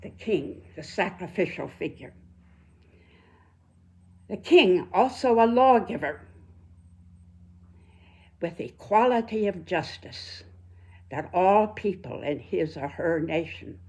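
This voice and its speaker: An elderly woman in her nineties giving a reflective talk, solemn and deliberate, in short phrases with long pauses. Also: on the low side, expressive, warm tone. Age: 90s. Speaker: speaker. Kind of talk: reflective spoken talk with quoted passages.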